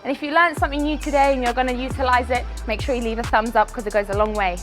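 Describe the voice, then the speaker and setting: A woman's voice: a little high, fairly even intonation, very fast, music in the background. A woman fitness coach explaining a gym workout in a casual, upbeat way, out of breath, sometimes swearing. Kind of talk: workout vlog instruction.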